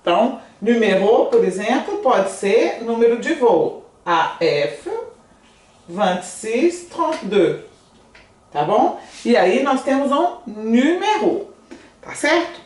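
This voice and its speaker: A woman's voice: on the high side, animated, slow pace, a little mellow, roomy sound, distant mic. A Brazilian woman, a native Portuguese speaker, teaches French pronunciation in a casual online lesson, coaxing her students and exaggerating each mouth shape.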